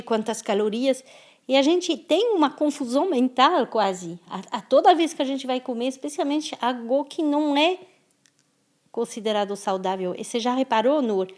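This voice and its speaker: A woman's voice: on the high side, darkish tone. A French-born woman speaking as a guest in an interview, thoughtful and often restarting her words. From France. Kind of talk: conversational interview.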